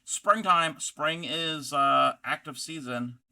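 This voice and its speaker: A man from North America hosting a casual crafting livestream, talking in a halting, distracted way as he reads out chat messages. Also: on the high side, gravelly, bright, forceful tone. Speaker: livestream host of a craft channel.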